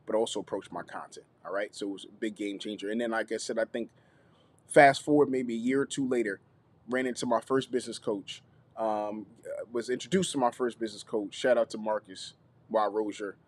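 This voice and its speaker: A man hosting a live teaching stream on content creation, lively, repeating himself and checking in with viewers. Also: lowish voice, brisk. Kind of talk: YouTube live teaching session.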